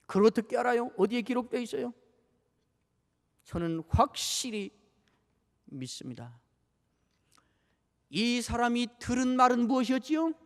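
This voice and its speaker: A male pastor with a very high voice preaches in a church sanctuary, and his words ring with a long hall reverb. He acts out the scripture scenes and keeps turning to the congregation with rhetorical questions. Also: very animated, moderate pace, long pauses. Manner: dramatizes scripture, acting out rebukes and pleas. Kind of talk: sermon.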